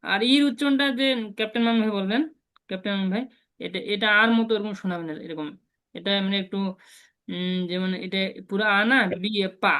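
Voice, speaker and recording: A woman teaching a beginner Chinese lesson online, slowly drilling sounds for her students to repeat. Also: medium pitch, a bit bright. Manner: patient, slow repetitive drilling of sounds.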